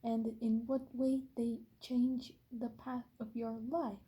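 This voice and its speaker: A woman reads out interview questions in a slow, hesitant way. Her voice is high but very dark and mellow in tone. She speaks with an unhurried, careful pace. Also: flat delivery. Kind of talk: casual family-history interview.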